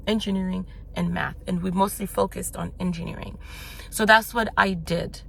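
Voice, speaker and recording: A woman with a gravelly, creaky edge to her mid-pitched voice gives a motivational vlog monologue as a business coach. She talks bluntly, swears freely and wanders through her points with plenty of ums and restarts. A faint hiss of noise sits under her voice. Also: a bit bright. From United States. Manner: blunt and frank, swears casually; loose and rambling, with many fillers and restarts.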